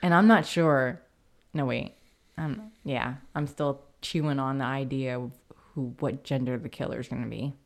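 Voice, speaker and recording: A female podcast co-host with a strikingly deep voice talks in a chatty, giggly way, often breaking into laughter. She speaks casually and openly. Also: moderate pace, creaky. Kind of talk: casual chat.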